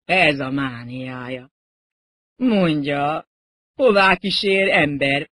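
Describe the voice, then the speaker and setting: A reader voicing a flustered, pompous older male general who is quick to sound indignant and exasperated, with a husky tone. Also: mid-range voice, a bit bright, no echo, studio quality, lightly acted.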